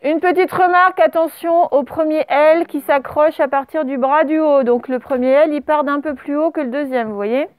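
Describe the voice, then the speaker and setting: A woman teaching a spelling lesson, dictating words slowly and spelling them out letter by letter and syllable by syllable. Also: high voice, darkish tone, no room sound. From France. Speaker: primary school teacher.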